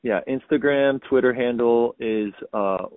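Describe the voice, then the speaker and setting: A man in his thirties, a pro soccer player talking as a podcast guest, halting and repeating words as he thinks. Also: medium pitch, dry recording. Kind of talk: casual podcast interview. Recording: tinny phone-like audio, dry.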